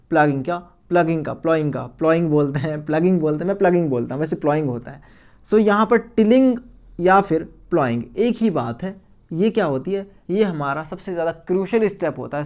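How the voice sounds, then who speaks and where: This science teacher, a man with a high-pitched, darkish voice, lectures school students on video. Repeating key words and tossing in English technical terms, he addresses them as "guys" and poses questions he answers himself.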